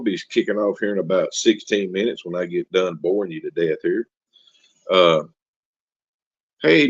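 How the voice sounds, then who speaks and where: A man's voice: on the low side, darkish tone, dry recording, lo-fi sound. A man hosting a live stream in a casual, folksy, joking way, reading out and answering chat comments. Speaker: livestream host.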